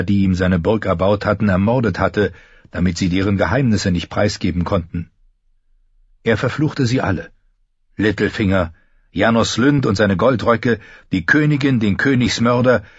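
A man reading a fantasy novel aloud as an audiobook narrator, measured and somber, on a close mic. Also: fairly low pitch, husky, dry recording, highs cut off.

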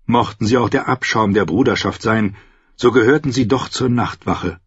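A man reading a fantasy audiobook aloud, steady storytelling that bursts into loudly shouted battle commands. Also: lowish voice, moderate pace, breathy edge, no room sound, lo-fi sound. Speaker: audiobook narrator.

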